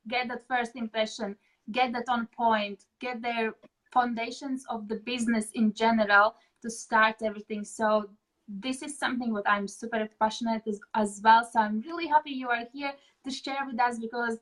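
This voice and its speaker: Woman host, somewhat high voice, warmly effusive, casual interview. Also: fairly even intonation, moderate pace, rough recording. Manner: enthusiastic, effusive praise.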